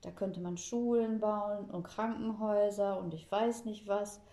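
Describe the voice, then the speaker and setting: A dry, teasing old grandfather from India, as a woman reads him out in a children's storybook. The voice is mellow and dark, and the calm, wry delivery carries a roomy echo. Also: mid-range voice, unhurried, lightly acted.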